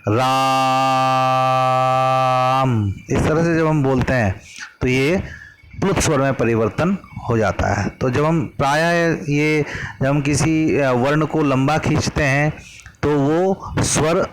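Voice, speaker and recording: A man's voice: fairly high pitch, measured pace, noisy background. A man teaching a grammar lesson from a worksheet, patiently explaining and drawing out vowel sounds as examples.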